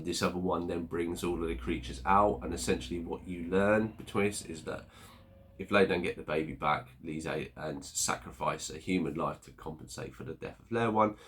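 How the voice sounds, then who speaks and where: A man with a notably deep, low-pitched voice talks through a film he has watched. His delivery is casual and unscripted. He often stops on filler sounds while he works out what to say next. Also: fairly bright tone. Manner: unhurried, thinking aloud with many filler pauses. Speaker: movie reviewer. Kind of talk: casual spoken movie review.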